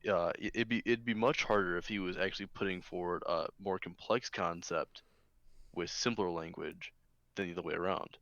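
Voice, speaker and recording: A man's voice: low voice, fairly even intonation, normal speed, fairly bright tone, no echo, highs cut off. A man from Michigan, a guest in a casual discussion, talking hesitantly with many restarts.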